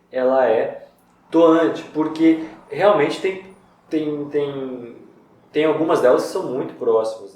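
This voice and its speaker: A man giving a casual, conversational lesson on poetry, slowing down to spell out syllables. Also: a little high, a little mellow. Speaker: poetry teacher. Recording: very echoey room, voice far from mic.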